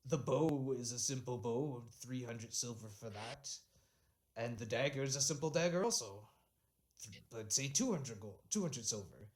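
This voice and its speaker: A man's voice: medium pitch, expressive. Man running a tabletop game. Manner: halting, thinks aloud with fillers. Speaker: game master.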